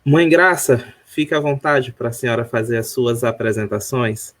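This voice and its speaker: A man moderating a live-streamed panel, introducing guests in a courteous, relaxed way. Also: medium pitch, normal speed.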